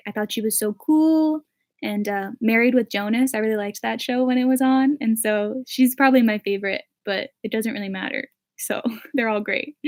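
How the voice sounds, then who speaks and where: A young woman in her late teens answering viewer questions in a casual chat, with lots of "like" and "um" fillers. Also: sits high. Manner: chatty, full of "like" and "um" fillers.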